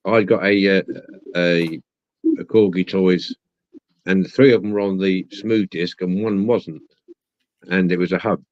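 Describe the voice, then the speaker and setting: A man's voice: sits low, fairly even intonation, a little slow, darkish tone, dry recording, lo-fi sound. A man chatting casually, rambling and repeating himself as he goes. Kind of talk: casual chat.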